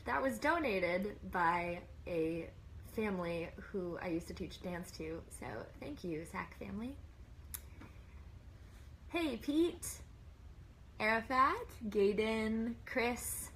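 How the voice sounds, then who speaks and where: A woman's voice: medium pitch, takes it slowly, fairly bright tone, slight background noise, rough recording. A woman hosting a casual live stream from a plain room, chatting and greeting viewers one by one by name.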